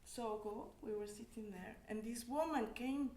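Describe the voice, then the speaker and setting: A little high and mellow, the voice belongs to a Mexican academic recounting personal testimony on a panel. She speaks reflectively, haltingly, with many restarts, and the room has an echo.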